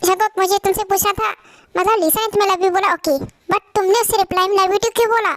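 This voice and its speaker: A woman voicing a jealous, sharp-tongued young wife in an amateur fan dub, scolding and confrontational. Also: very high voice, steady tone, quick pace, dry recording, studio quality, voice pushed up. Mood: pressing.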